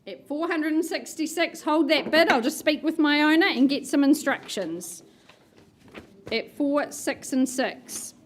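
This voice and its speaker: Woman, auctioneer, high pitch, slow deliberate delivery, bingo-caller number calls, playful coaxing patter. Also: a little hiss or hum. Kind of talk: live auction calling. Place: room with bidders present.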